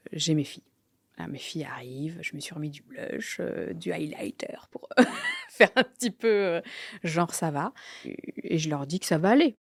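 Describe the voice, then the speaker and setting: A woman, telling her own story candidly, halting with many fillers and sometimes dropping to a near-whisper. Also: fairly low pitch, a little mellow, dry recording, studio quality. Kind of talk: personal testimony.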